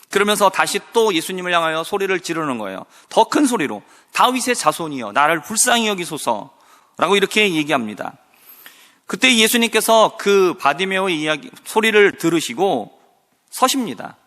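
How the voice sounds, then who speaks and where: A man's voice: high voice, bright, forceful tone. A male pastor preaching a sermon, explaining a scripture story and asking rhetorical questions. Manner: slows and lifts his voice to voice the quoted cries. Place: church sanctuary. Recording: hall reverb of a church service broadcast.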